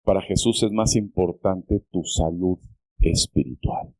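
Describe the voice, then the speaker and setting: A man preaching a sermon as a church pastor, in a deliberate style, often checking in with "¿verdad?" and rising high when quoting pleas. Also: creaky, warm tone, dry recording. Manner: slow, deliberate preaching with frequent "¿verdad?" asides; rises sharply in pitch when quoting pleas.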